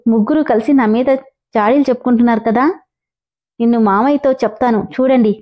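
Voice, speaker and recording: A woman's voice: fairly high pitch, steady tone, fast, highs cut off, natural voice. A woman voicing a sulky little village girl who whines and sobs through her lines in a storybook reading. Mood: tearful. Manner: whiny, sobbing, petulant.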